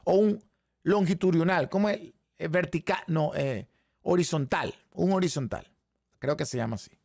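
A man with a Venezuelan Spanish accent, hoarse, teaching a live trading lesson and firing rhetorical questions at his viewers. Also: fairly high pitch, moderate pace, no echo, clean studio sound. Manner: animated, talks straight to the chat audience with frequent rhetorical questions. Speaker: trading instructor.

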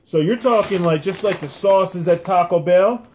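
A middle-aged American man with a slightly high voice hosts a casual review at a table. He repeats phrases as he chats, over audible background noise. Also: moderate pace, darkish tone. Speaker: food review host. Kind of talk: casual chat. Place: small room indoors, at a table. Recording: clear background noise and clicks.

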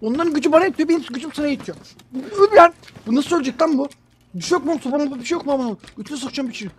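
A young man streaming gameplay, swinging between loud, profane outbursts and low mutters, and talking to his chat. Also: rapid-fire. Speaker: gaming streamer. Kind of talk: live gameplay commentary.

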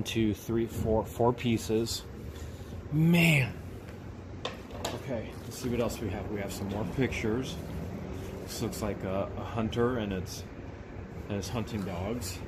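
A vlog host unboxes something casually, exclaiming and repeating himself as he talks straight to viewers. His voice is fairly low, with background noise in the recording.

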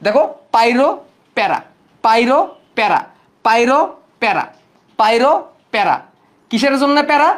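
A man's voice: very high voice, expressive, moderate pace, pauses often, a bit bright. A young man from Bangladesh teaching biology for exam coaching, drilling students by asking and answering his own questions. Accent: Bangladeshi Bengali. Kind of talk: fast-paced exam coaching lecture.

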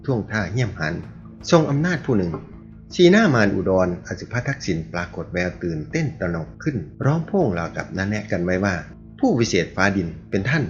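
A man narrating a martial arts novel aloud in a steady storytelling read, with faint music behind him on a dull, lo-fi recording. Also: fairly low pitch, fairly quick.

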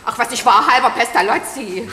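In a stage comedy, an actress plays a dramatic, self-pitying woman whose partner has walked out, and she speaks in a breathless, tearful gush. Her voice is fairly high, brisk and sharp, with slight background noise. The echoey theater hall carries audience laughter.

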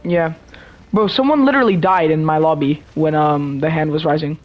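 Excitable woman hosting casual gaming chat. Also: low-pitched, moderate pace, rough recording. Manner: excitable, chatty, slangy. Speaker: gaming channel host.

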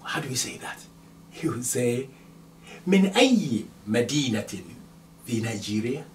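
An older man with a Nigerian accent teaching a language lesson, repeating phrases slowly and with emphasis, filmed indoors by a whiteboard. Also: medium pitch, very animated, distant mic. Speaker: Arabic teacher. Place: small indoor room by a whiteboard.

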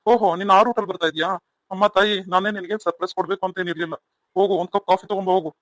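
A man's voice: high-pitched, fairly even intonation, very fast, fairly bright tone, dry recording. [name], a man doing a stern young husband. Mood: scolding. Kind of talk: cartoon voice acting.

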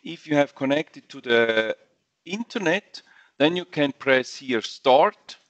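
A man walking viewers through software in a screen-share webinar, speaking halting English with frequent fillers and restarts. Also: mid-range voice, lively intonation, no room sound, dull audio. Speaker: software trainer.

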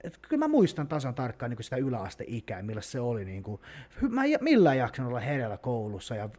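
A man hosting a podcast, chatting casually and swearing heavily as he talks. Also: mid-range voice. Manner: heavy swearing, animated. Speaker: podcast host, bodybuilding coach.

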